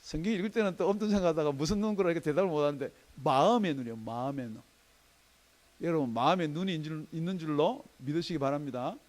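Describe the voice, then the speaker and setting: A man preaching a sermon as pastor in a church, emphatic, asking rhetorical questions and swinging between loud and soft. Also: fairly high pitch, fast talker. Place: church sanctuary.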